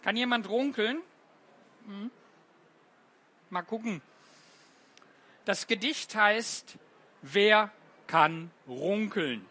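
A teacher reading playful poems aloud to children and quizzing them with questions along the way, in an animated sing-song manner. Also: mid-range voice. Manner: slow, sing-song, asks the listeners questions.

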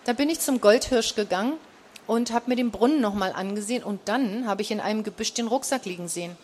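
A cheeky, precocious little girl from a storybook who mumbles her pert answers, as the woman reading puts her on. The voice sits at a middle pitch with a faint hiss behind it. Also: quick pace, darkish tone, natural voice.

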